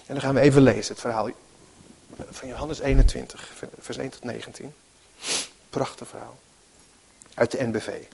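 A man preaching a sermon and reading from the Bible in a conversational way, often pausing with fillers and correcting himself. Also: medium pitch, steady tone, creaky, darkish tone, slightly rough.

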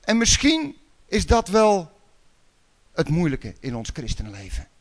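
A man from the Netherlands preaching a sermon in a conversational way, with rhetorical questions and sudden loud calls. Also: a little high, huge pitch swings, a little slow.

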